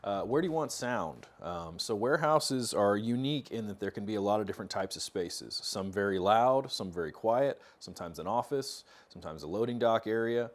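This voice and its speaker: An animated, brisk American man in his thirties, with a fairly low voice and few pauses, hosts a product tech talk series. Surrounded by metal cabinets in an indoor workshop studio, he gives an informal, casual explanation to camera.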